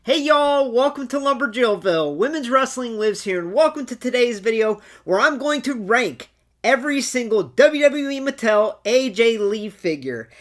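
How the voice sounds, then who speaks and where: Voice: mid-range voice, fairly bright tone. A chatty, opinionated video host giving casual commentary on a ranking of collectible toys.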